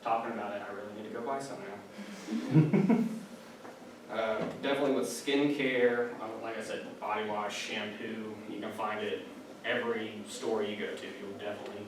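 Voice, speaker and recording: Speaking at a normal speed in a fairly low, steady voice, a young man gives a relaxed, chatty classroom presentation loaded with fillers and asides. The student's speech is recorded from a distance in an echoey room with background noise.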